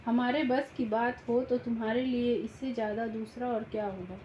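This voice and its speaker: A woman's voice: fairly high pitch, steady tone, moderate pace, a little mellow, slight background noise, close to an everyday voice. A woman voicing a chatty married sister-in-law in an audiobook, talking in a folksy, lecturing way. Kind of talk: audiobook reading. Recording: roomy, slightly dull home recording.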